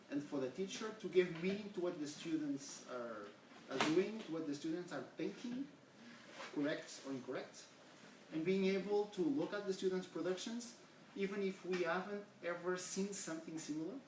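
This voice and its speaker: This is a middle-aged education researcher from Portugal whose high, somewhat dark voice moves at a normal speed. In accented English, he delivers a sincere academic seminar talk and poses questions to listeners. Captured from afar in a reverberant room, the audio carries a slight hiss.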